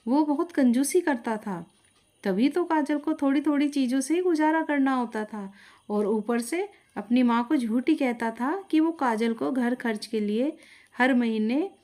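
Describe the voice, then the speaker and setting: High-voiced woman telling a bedtime story. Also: darkish tone.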